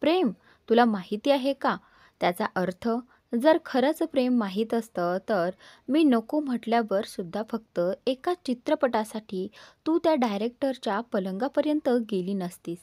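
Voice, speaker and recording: A woman's voice: on the high side, animated, normal speed, mellow, no room sound, clean studio sound. A woman voicing a jealous young man who speaks in a cutting, sarcastic way to his lover. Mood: furious.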